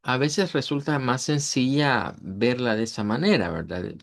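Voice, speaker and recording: A man's voice: medium pitch, measured pace, gravelly. A man teaching a language class, patient and methodical, repeating example words several times. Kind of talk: online class lesson.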